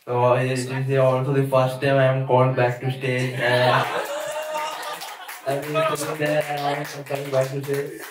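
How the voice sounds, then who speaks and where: A man from Kerala with a Malayali Indian English accent, doing halting open-mic stand-up, nervously rambling and repeating his words. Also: medium pitch, monotone, a crowd in the background. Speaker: amateur stand-up comedian. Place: live open-mic venue, small audience. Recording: echoey room, far from mic.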